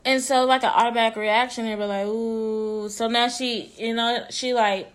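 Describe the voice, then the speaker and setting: A woman's voice: fairly high pitch, steady tone, normal speed. A young woman telling a story in a casual vlog, with lots of slang and acted-out dialogue. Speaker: vlogger.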